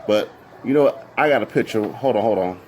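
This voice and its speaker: A man telling a story casually, excitable and jumping into high squeals when he quotes people. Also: brisk, slight background noise.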